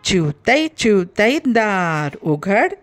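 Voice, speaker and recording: A woman voicing a lazy, cold, wet male crow who calls at a door in a slow, drawn-out voice. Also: medium pitch, big pitch swings. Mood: pleading.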